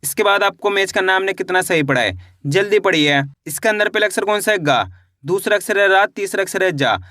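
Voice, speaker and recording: A man's voice: high-pitched, a little fast, bright, forceful tone, dry recording, clean studio sound. A man teaching children to read, sounding out each letter one by one and then blending them into a word, patient and repeating his questions. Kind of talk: slow phonics lesson. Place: voice-over for a video lesson.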